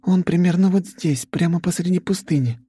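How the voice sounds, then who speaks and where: A male narrator voicing a brisk young noblewoman in an audiobook, lifting his voice into a high register. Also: dark tone, slightly rough, no room sound, studio quality. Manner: high falsetto-like young woman's voice.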